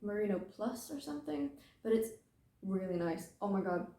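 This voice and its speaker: A woman's voice: mid-range voice, expressive, normal speed, vocal fry, dark tone. A young British woman hosting a knitting podcast, chatting casually from home in a rambling, self-deprecating way with plenty of filler words. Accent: British English. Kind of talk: casual chat. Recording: roomy echo.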